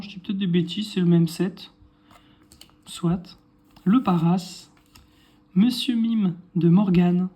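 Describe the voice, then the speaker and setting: A man's voice: high voice, mellow. A man casually chatting through an unboxing video, thinking aloud and correcting himself as he goes. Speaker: card collector showing a purchase.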